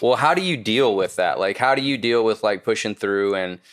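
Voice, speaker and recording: Smooth low-voiced man hosting. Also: expressive, normal speed. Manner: encouraging, with frequent short agreements. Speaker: podcast host. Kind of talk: casual interview chat.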